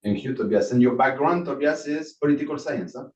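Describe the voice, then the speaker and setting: A man hosting and lecturing an online class, friendly and halting with many restarts, on a video call. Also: medium pitch. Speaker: course lecturer and host. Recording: distant, roomy, dull video call audio.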